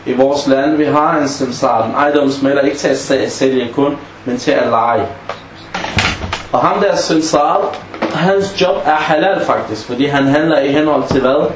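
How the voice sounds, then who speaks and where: A man teaches a class on Islamic legal maxims, stopping often to put questions to his students and act out small example exchanges. His voice carries in an echoey room. A faint hum of background noise sits behind him. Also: medium pitch. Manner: asks the class questions and acts out example dialogues.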